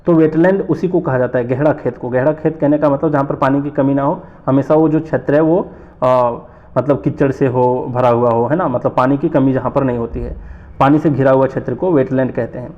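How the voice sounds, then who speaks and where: A man from North India teaching an exam-prep lesson, explaining slowly, repeating terms and asking rhetorical questions. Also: mid-range voice, muffled recording.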